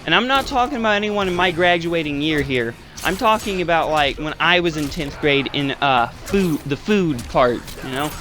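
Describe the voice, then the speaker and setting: A man's voice: fairly high pitch, animated, normal speed, hardly any pauses, sharp tone, faint music behind. A young man in his twenties hosting a gaming channel, rambling through a casual story with lots of swearing and fillers.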